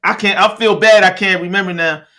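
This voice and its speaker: A male podcast host chatting in a relaxed, friendly way and trailing off as he searches for words. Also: sits high, fairly quick. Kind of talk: casual podcast interview.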